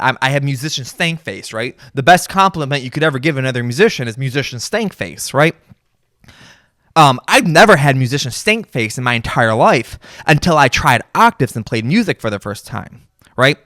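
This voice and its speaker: A man's voice: fairly high pitch, sharp tone, no room sound. Guy rambling about guitar stuff, keeps stumbling and saying right?, super dry close sound. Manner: rambling, repeats words, says "right?" often. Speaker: musician and content creator. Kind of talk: casual monologue.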